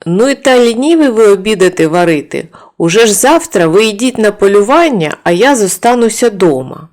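A woman voicing a bold young male folk hero who leads his companions, speaking briskly in a storybook reading. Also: medium pitch, animated, a little mellow, close to an everyday voice. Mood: commanding.

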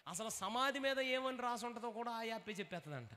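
A man preaching a lively revival sermon, calling for responses and acting out short comic dialogues. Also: very high voice, fast, big-room sound. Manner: animated, acts out dialogues in put-on voices, calls for responses.

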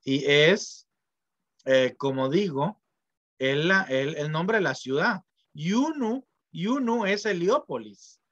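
A man's voice: on the high side, expressive, slow, fairly bright tone, no echo. A middle-aged man, lecturing in a loose, digressive way with frequent tag questions and fillers. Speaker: professor. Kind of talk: informal university lecture. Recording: dull, dry lo-fi lecture audio.

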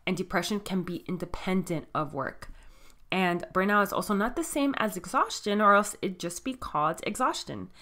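A woman with a Miami American accent presents a solo podcast. Her voice sits at an average pitch for a woman. She follows prepared material in a conversational, plainly explanatory way. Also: fairly bright tone. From Miami, United States. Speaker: podcast host. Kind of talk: scripted solo podcast talk.

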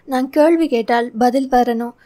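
A woman's voice: fairly high pitch, moderate pace, dark tone, close to an everyday voice. A woman reading the part of a stern, impatient male boss who scolds sarcastically, in a storybook reading. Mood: irritated scolding.

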